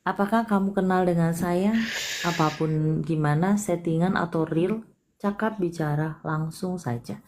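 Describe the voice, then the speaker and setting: A woman's voice: on the low side, unhurried, a little mellow, a little hiss or hum. A woman hosting a live palm reading, talking soothingly and calling the caller dear. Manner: soothing, calls listener sayang often. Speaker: palm reader host. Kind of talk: live stream reading and consoling.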